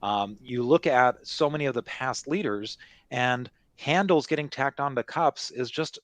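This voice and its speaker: A male market analyst talks through his reasoning off the cuff in a mid-pitched voice. He explains in a conversational way, often dropping in small check-in phrases. The sound is close and dry, with very little room in it. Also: unhurried, fairly bright tone, no room sound. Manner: conversational, explanatory, peppered with "you know" and "right?". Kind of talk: unscripted market commentary.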